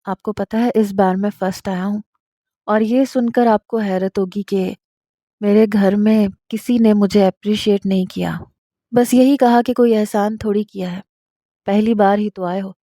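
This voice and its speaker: A woman's voice: mid-range voice, steady tone, dark tone, no room sound, clean studio sound, close to an everyday voice. A woman voicing an earnest lovesick teenage boy. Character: earnest devoted teenage boy, a bit sulky.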